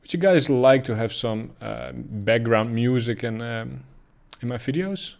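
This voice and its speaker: Talking over trading charts, a Dutch-accented man offers laid-back crypto market commentary as a relaxed home-desk voice-over. His mid-pitched voice is creaky, the pace easy, and he fills gaps with ums and uhs while he reasons aloud.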